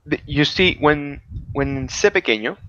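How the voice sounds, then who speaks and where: A man co-hosting a casual podcast, telling stories in an animated way with many restarts and sudden excited outbursts. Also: on the high side, measured pace. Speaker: podcast co-host. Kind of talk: casual political chat. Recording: dull lo-fi audio.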